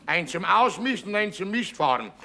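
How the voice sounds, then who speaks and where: Teasing Bavarian farm buddy, high and forceful, mock-flowery grumbler, stage folk comedy. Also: male voice, sing-song, quick pace, heavily acted. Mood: grumbling, teasing. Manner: theatrical, sarcastic, bantering. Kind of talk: folk theatre comedy acting.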